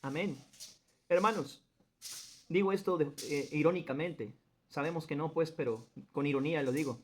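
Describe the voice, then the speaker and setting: A man's voice: fairly high pitch, moderate pace, slight background noise. A man leading a group Bible study in an earnest, teaching manner, reading passages aloud and putting questions to the group. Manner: earnest teacher who quizzes the group and stresses points.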